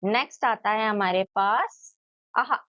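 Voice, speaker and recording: A woman teacher giving a children's lesson, sounding out each letter slowly and answering her own questions. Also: mid-range voice, fairly bright tone, no echo, muffled recording.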